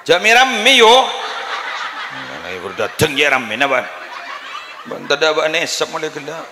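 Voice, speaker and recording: A man preaching a comic sermon with a Madurese accent, jokey and lively, often laughing and breaking into chant, at a live religious gathering. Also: fairly high pitch, moderate pace, noisy background. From Indonesia. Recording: echoey live hall with ambience.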